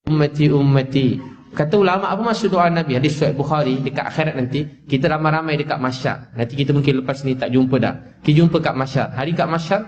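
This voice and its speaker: Malaysian male preacher, slightly high voice, passionate repeating storyteller; dull, roomy recording. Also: fast talker, a crowd in the background. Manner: impassioned storytelling, repeats phrases, rising pitch in emotional passages. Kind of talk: sermon. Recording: echoey dull lecture-hall recording.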